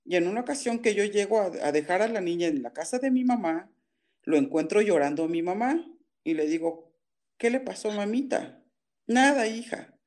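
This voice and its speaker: A woman's voice: fairly low pitch, expressive, fairly quick, mellow. A woman calling in, telling an upsetting family story in an agitated, indignant way with many restarts. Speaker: caller. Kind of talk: emotional phone-in account.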